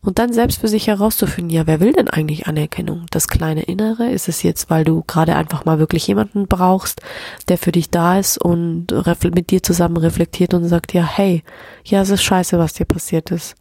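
A woman records a reflective solo podcast episode, speaking openly and emotionally about what is going on inside her. Her voice sits low and gravelly with a husky, breathy edge, and her nose is a bit stuffy from crying. The sound is dry and close, with warm, mellow tone. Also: steady tone, brisk, no room sound. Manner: open, emotional, self-reflective, drifting into soft whispers. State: teary, slightly stuffy nose. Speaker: podcast host. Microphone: plug-in microphone, close.

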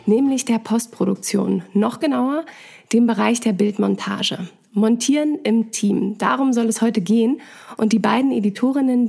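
A woman hosting a podcast, with a gravelly, creaky edge to her voice. She talks in a chatty, casual way and often searches for words with fillers as she sets up questions. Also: mid-range voice, darkish tone. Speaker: podcast host. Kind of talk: casual interview.

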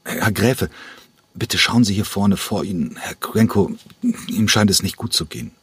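A man voicing an anxious young female flight attendant with a hoarse voice. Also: on the low side, normal speed, dry recording.

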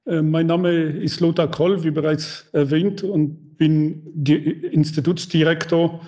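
A man's voice: on the high side, fairly even intonation, measured pace, mellow, muffled recording. A middle-aged man, a professor and institute director, speaking as a guest over a remote line, hesitant with many filler sounds. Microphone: remote connection.

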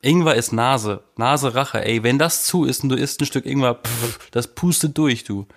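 Man, has a cold, sore throat, casual joking chat, mid pitch. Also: moderate pace. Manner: joking, animated storytelling.

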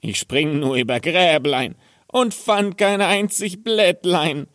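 A man voicing a spiteful, lying nanny goat in a storybook reading, bleating in a high voice. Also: animated, takes it slowly, fairly bright tone, dry recording, studio quality, full character voice.

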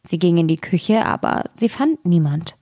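A woman reads a fairy tale in a measured storytelling manner, her voice set fairly low. The recording is close and completely dry, and she sinks to a whisper at dark moments. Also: lively intonation, dry recording. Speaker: fairy-tale podcast narrator. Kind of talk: reading a fairy tale aloud.

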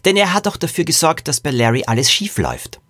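A man's voice: a little high, very animated, fast talker, a bit bright, no echo, studio quality, pitched above the performer's own voice, heavily acted. A man reading as a clever, secretive boy detective. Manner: mysterious.

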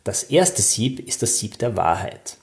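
Calm, patient old sage, as a man reads him aloud. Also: on the low side, unhurried, vocal fry, exaggerated voice. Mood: calm questioning. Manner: calm, questioning. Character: wise old male philosopher, calm and patient.

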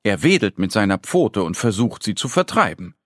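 Male storyteller for a kids' audio story, low-ish, very animated pitch, dry close sound. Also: no room sound. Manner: slow, lively storytelling. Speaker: narrator. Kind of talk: children's story narration.

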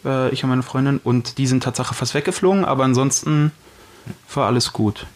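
A man's voice: medium pitch, fairly quick. A man co-hosting a podcast in a chatty, joking way. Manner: jokey, chatty, with fillers. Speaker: podcast co-host. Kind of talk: casual chat.

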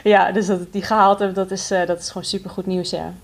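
A young woman, a triathlete guest on a podcast, answering hesitantly with lots of pauses and fillers. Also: mid-range voice, creaky. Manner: hesitant, many fillers, flat delivery. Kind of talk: casual podcast interview.

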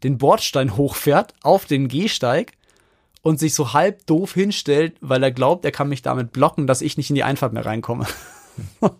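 A man's voice: medium pitch, dry recording, clean studio sound. A man co-hosting a podcast, animatedly telling an anecdote in a casual chat with lots of fillers. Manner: animated storyteller, rapid with many fillers. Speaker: podcast co-host.

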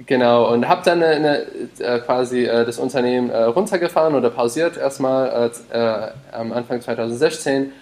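A startup founder, appearing as a podcast guest, talks casually in a medium-pitched, darkish voice at normal speed with hardly any pauses. He sounds hesitant, full of fillers and restarts, and mixes in English words.

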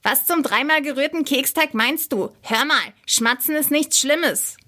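A woman's voice: on the high side, animated, pushed and bright, full character voice. A woman voicing a cheeky little male Christmas elf in a storybook reading, brash and huffy. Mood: reassuring. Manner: brash, huffy and quick-tempered.

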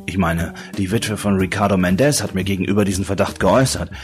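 A man's voice: low-pitched, steady tone, fast, soft background music, lightly acted. A man voicing a smug male tabloid reporter who needles and taunts. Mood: needling.

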